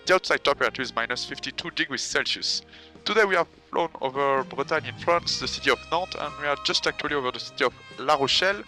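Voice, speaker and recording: A man's voice: medium pitch, fast talker, pushed and bright, faint music behind. A male first officer making a courteous, formal passenger announcement as a pilot on a cockpit headset.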